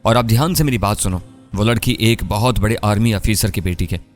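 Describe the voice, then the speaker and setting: A man reading an audiobook voices a calm, teasing young woman who soothes and persuades. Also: on the low side, brisk, soft background music, natural voice. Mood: soothing.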